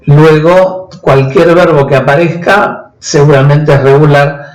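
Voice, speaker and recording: Male language teacher, native Spanish speaker, unhurried and patient, in an echoey room. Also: fairly high pitch, darkish tone. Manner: slow, patient explaining, switching between two languages. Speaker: English teacher. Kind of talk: spoken grammar lesson.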